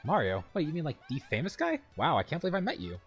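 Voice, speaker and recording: A man's voice: fairly high pitch, wildly swooping pitch, fast talker, breathy edge, dull audio, faint music behind, voice pushed up, heavily acted. A man reading aloud as a young female goomba student in a video game, chatty and sarcastic. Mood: snarky.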